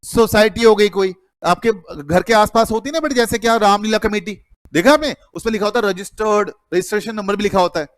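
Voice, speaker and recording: A man's voice: sits high, fairly quick, dry recording. A middle-aged man teaching an accounting class, calling students "beta" and firing repeated questions at them. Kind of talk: classroom lecture.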